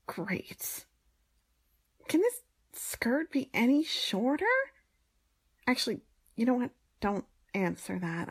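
A woman playing a grudging, teasing maid in an intimate audio role-play, with exasperated, breathy asides and a husky, creaky voice. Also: mid-range voice, full character voice.

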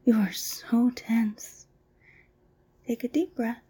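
A woman doing an ASMR roleplay as a masseuse, talking in a soft, soothing, mostly whispered, breathy voice. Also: fairly high pitch, slow pace.

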